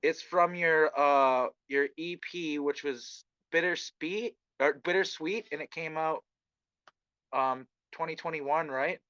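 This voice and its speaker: Bright-voiced male podcast host. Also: a little high, slow, no room sound, highs cut off. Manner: upbeat, friendly, hype intro. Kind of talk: casual interview.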